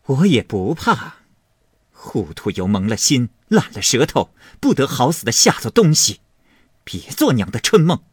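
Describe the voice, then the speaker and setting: A man voicing a scornful, sharp-tongued young noblewoman in a storybook reading, speaking loud and cutting. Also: mid-range voice, husky, no room sound, clean studio sound, pitched above the performer's own voice, heavily acted.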